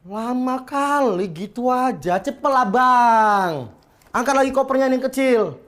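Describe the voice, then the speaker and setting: A woman with a Medan accent playing a sharp-tongued, bossy middle-aged woman who scolds and complains bluntly. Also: on the high side, animated, unhurried. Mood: irritated. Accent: Medan Indonesian. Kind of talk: comedy web drama acting.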